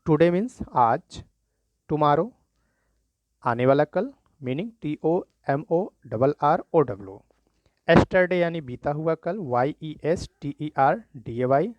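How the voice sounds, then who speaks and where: A man teaches a simple spelling lesson at a slow, deliberate pace and spells each word out letter by letter. His voice sits a little high for a man. The sound is close and dry, with no room around it. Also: expressive, no room sound, highs cut off. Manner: spells words letter by letter slowly, often repeats "thik hai".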